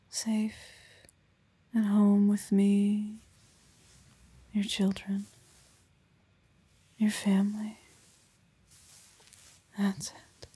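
In an ASMR roleplay, a woman plays a loving young wife and mother, speaking close to the microphone in a soft, intimate, frequently whispered way and letting out small laughs. Her mid-range voice is breathy and exaggerated.

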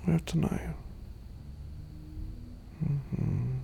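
A man in an intimate audio roleplay, sleepy and hungover, murmuring and whispering softly as if half asleep. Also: fairly high pitch, fairly even intonation, extremely slow, creaky, slight background noise.

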